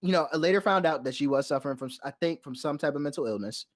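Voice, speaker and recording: A man's voice: fairly high pitch, quick pace, no echo, studio quality. A young man co-hosting a podcast, telling a story casually and acting out voices and sound effects. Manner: animated storyteller who acts out quotes and sound effects. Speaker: podcast co-host.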